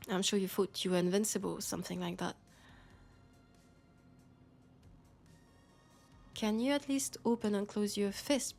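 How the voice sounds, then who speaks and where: A woman with a French accent playing a grave, caring futuristic policewoman in an intimate sci-fi audio roleplay, speaking in measured short phrases. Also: mid-range voice. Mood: gentle, concerned. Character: Nyx, grave, caring futuristic policewoman tending her drunk partner.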